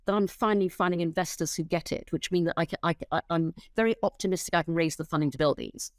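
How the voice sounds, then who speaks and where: A middle-aged woman speaking as an interview guest, emphatic and blunt, swearing freely and restarting her sentences as she pitches ideas. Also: quick pace, no echo. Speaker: interview guest, company founder. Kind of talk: animated interview talk.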